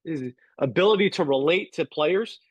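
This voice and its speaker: Man, podcast guest, measured sports analysis, lots of uh and restarts, dry close-miked sound. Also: on the high side, animated, slightly rough, dry recording, lo-fi sound. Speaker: guest sports radio producer. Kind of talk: casual sports podcast chat.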